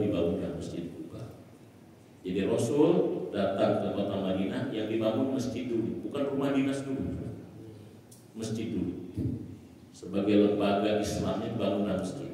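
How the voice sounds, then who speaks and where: Emphatic preacher in an echoey hall. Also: male voice, fairly low pitch, warm tone, recorded from a distance, slight background noise. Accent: Indonesian. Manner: emphatic, rhetorical questions answered himself. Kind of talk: mosque sermon. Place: mosque hall.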